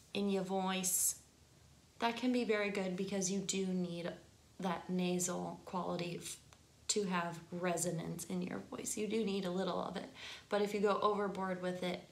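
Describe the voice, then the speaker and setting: Speaking in a lowish, level voice at normal speed, this nasal-voiced woman with an Upper Midwest American accent gives a casual singing lesson to camera. She laughs readily, and the room is echoey.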